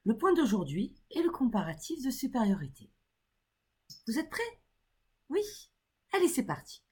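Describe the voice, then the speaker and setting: A woman teaching a grammar lesson to her class, who keeps checking that the students follow and spells out letters slowly. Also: on the high side, wildly swooping pitch, dark tone, breathy edge. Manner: encouraging, checks in with the class often. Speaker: English teacher.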